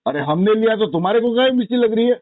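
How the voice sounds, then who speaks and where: A man's voice: high-pitched, animated, fast talker, no echo. A man who owes money on a loan, talking back to a collector in a mocking, combative way. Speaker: borrower being called. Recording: tinny phone line.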